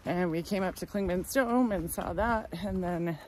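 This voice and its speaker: Here a thru-hiker in her thirties talks into an arm's-length phone while walking a wooded path, wry and chatty, breathing hard from the climb. She has a fairly low, darkish voice and keeps a moderate pace. There's slight background noise.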